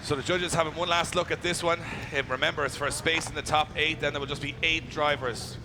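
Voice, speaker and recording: A male motorsport commentator and announcer talks at great speed in a slightly high voice. He is chatty and hyping, with clear outdoor track noise behind him. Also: fairly even intonation, fast talker. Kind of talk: live commentary and crowd announcing.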